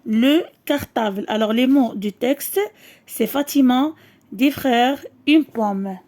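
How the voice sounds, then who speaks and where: A young woman with a Moroccan accent teaches a lesson for young children. She speaks slowly and clearly and says each word and syllable more than once. Her voice is fairly high and warm. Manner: slow, clear, repeats words and syllables. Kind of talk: French lesson for young pupils, explained in Arabic.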